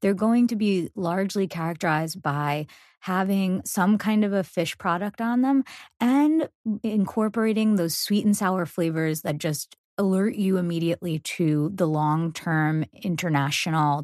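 A woman hosting a podcast talks through ideas thoughtfully, in a slightly low voice. The recording is close and dry, with no room sound. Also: a little mellow, no echo. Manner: thoughtful, explanatory, frequent listening murmurs. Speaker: podcast host. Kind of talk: casual podcast conversation.

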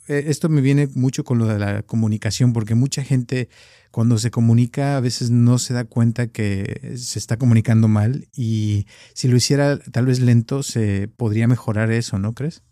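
A man's voice: mid-range voice, mellow, no echo, studio quality. A man co-hosting a podcast who talks in a thoughtful, hesitant way with fillers. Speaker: podcast co-host. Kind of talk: casual conversation.

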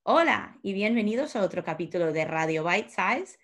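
A woman's voice: mid-range voice, very animated, normal speed, loud music behind the voice. A woman hosting a casual podcast interview, chatty, with frequent fillers and restarts. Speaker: podcast host.

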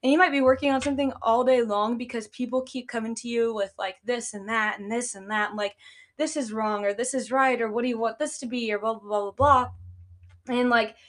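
A young business owner hosts her own solo podcast, chatting casually about running a business in a fairly high, bright-ish voice that is steady and brisk. She sounds congested and nasal, and her talk is full of "like" and "um."

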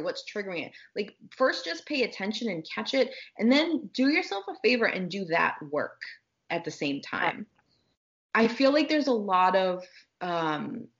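A woman's voice: fairly low pitch, dull audio. A woman co-hosting a talk show, giving casual, emphatic coaching advice and often posing rhetorical questions. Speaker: podcast co-host and self-care coach.

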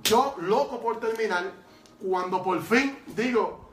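A man telling his testimony as a preacher, lively and emphatic, with frequent fillers. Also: sits high, slow pace. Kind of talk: storytelling testimony. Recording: roomy sound from far off.

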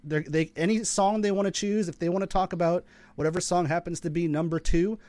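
A man who hosts a podcast, chatting casually and upbeat with quick asides. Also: high-pitched, fairly even intonation, darkish tone, no room sound. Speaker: podcast host.

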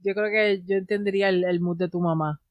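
A woman's voice: medium pitch, steady tone, fairly quick, dry recording, highs cut off. A woman co-hosting a podcast in casual chat, reacting often with laughs and exclamations. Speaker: podcast co-host.

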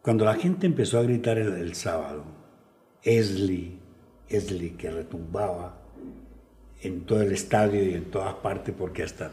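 A man's voice: deep voice, unhurried, dark tone. A man interviewing a coach and asking earnest questions. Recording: roomy echo.

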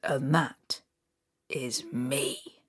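A woman voicing a mysterious cloaked male stranger, slow and whispery. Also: fairly even intonation, breathy edge, full character voice. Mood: sly, low. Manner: low, slow, whispery menace.

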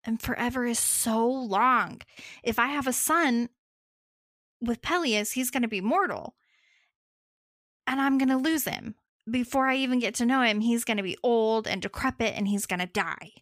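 A woman playing a sea-nymph mother, pitched a bit higher, pleading, worried, storytelling voice. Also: normal speed, fairly bright tone, no room sound, studio quality, close to an everyday voice. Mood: anguished.

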